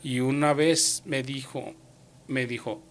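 A man giving a personal faith testimony, retelling conversations with lively, acted-out dialogue and dropping English words into his speech. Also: mid-range voice, takes it slowly, slight background noise.

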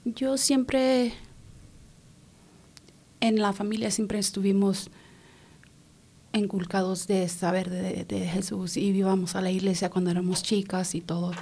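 A woman from Los Angeles giving her personal testimony in an interview, speaking haltingly, repeating words and slipping in English phrases. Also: medium pitch, level tone, a little mellow. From Los Angeles, California.

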